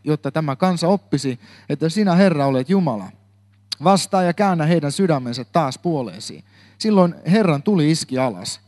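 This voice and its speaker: Man, preacher, reading scripture, occasional stumbles, slightly high voice. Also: darkish tone. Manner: reads scripture aloud with some slips and self-corrections. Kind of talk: Bible reading and sermon.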